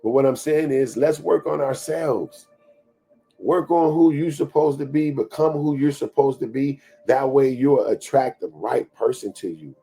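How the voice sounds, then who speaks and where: A man's voice: medium pitch, a little slow, gravelly, warm tone, slightly rough, faint music behind. A man in his thirties hosting a motivational talk. His delivery is preachy and conversational, and he repeats phrases for emphasis. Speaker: show host.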